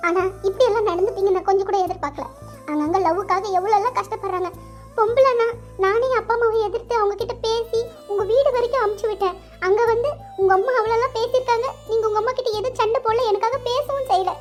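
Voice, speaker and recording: A woman voicing a stubborn, wounded young woman who argues with her lover in a cartoon. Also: very high voice. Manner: firm, indignant, reproachful.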